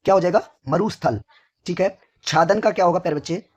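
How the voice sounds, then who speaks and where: A hoarse man teaching a vocabulary lesson for exam preparation, who asks each question, answers it himself, and keeps addressing his students fondly. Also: high-pitched, quick pace, muffled recording. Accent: North Indian Hindi. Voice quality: husky.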